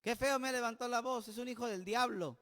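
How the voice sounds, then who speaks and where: A man's voice: extremely high pitch, fairly quick, fairly bright tone, in a large hall. A man doing a plaintive, complaining wife. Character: complaining wife grumbling about her husband.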